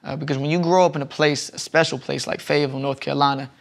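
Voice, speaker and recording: Speaking very fast in a gravelly, slightly high voice with a steady tone, this young Southern man spins meandering stories full of restarts. He's a guest in a casual podcast interview, wearing a lapel mic on a studio lounge set.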